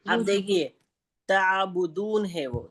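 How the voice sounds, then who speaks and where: A woman's medium-pitched voice with a breathy edge leads an online Quran recitation class. Her Pakistani Urdu accent comes through as she patiently and slowly elongates sounds to demonstrate them.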